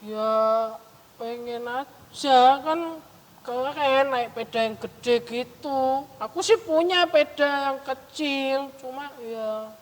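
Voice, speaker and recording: A woman's voice: sits high, takes it slowly, in a large hall, low-quality recording. A woman voicing a sulky young child puppet who grumbles about wanting toys. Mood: grumbling. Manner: whiny, grumbling kid voice. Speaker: puppet character.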